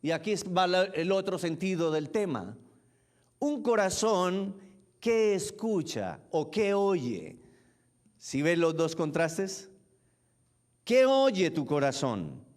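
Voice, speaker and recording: Slow, deliberate male pastor preaching. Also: high voice, lively intonation. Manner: slow, deliberate, repeats key phrases and asks the congregation questions. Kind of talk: sermon.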